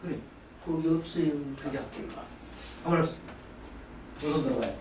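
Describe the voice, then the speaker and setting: A male pastor giving a lively sermon lecture, exuberant and loud, often shouting and leading the congregation in call-and-response. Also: on the high side, normal speed. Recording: roomy hall from far off, faint background noise.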